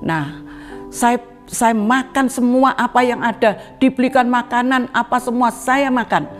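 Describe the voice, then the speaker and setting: An older woman speaks earnestly to a church congregation, her voice sitting a little high. Soft music plays faintly behind her as she tells her testimony, calling the listeners beloved brothers and sisters and acting out what people said to her. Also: a little slow. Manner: acts out quoted dialogue with rising pitch. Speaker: church member giving testimony. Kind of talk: spoken testimony in a church service.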